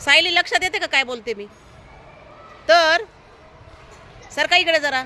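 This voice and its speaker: A primary school teacher tells a story to a class of young children, constantly asking them questions to coax answers and giving firm, encouraging instructions. Her very high-pitched voice is a little slow, pushed, and bright, with slight background noise and outdoor traffic behind the school.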